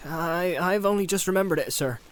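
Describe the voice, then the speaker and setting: A man's voice: high voice, fairly quick, pitched above the performer's own voice, close to an everyday voice. A man voicing Sam, a loyal, humble male hobbit servant, speaking in a rustic, deferential way. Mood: flustered.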